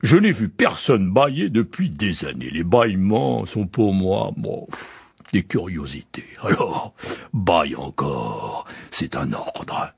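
A man's voice: deep voice, very animated, vocal fry, slightly rough, dry recording, studio quality, full character voice. A man playing a pompous old king. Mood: grandly commanding. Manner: slow, grand, ordering. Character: pompous old male king, proud and commanding. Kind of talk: audiobook character voice.

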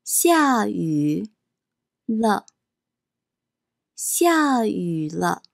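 A woman teaching vocabulary as a slow pronunciation drill, saying each word syllable by syllable and then repeating it. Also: mid-range voice, very animated, gravelly, dry recording, clean studio sound. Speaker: Chinese teacher.

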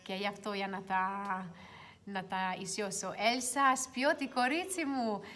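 A young woman hosting a casual makeup livestream, chatting and reading viewer comments aloud, sometimes dropping to quiet mutters. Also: mid-range voice, fairly even intonation. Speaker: beauty livestream host. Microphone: phone.

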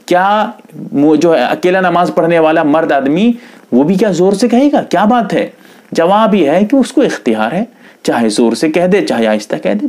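A man's voice: fairly high pitch, a little mellow. A man, an Islamic scholar, giving a religious instruction lesson, repeating key points emphatically. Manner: repetitive, emphatic explaining.

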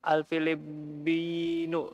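A man's voice: a little high, monotone, extremely slow, a little mellow, dull audio. A man, a student in an Arabic class, reading aloud hesitantly and restarting words.

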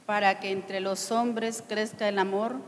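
A woman reading the prayers of the faithful at Mass in a measured, solemn cadence, her voice carrying a long cathedral echo. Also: medium pitch, flat delivery, a crowd in the background. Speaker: lector reading petitions at Mass. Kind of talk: liturgical reading of intercessions. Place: large church. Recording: long church reverb, faint noise.

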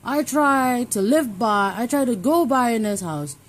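Lively intonation and a fairly high pitch mark this young woman from Hong Kong, who speaks unhurriedly. Filming a personal vlog indoors at home, she chats casually, rambling and starting her sentences over as she thinks out loud.

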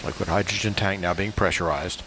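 A man giving formal, measured launch countdown commentary as an announcer. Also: low voice, steady tone, background noise.

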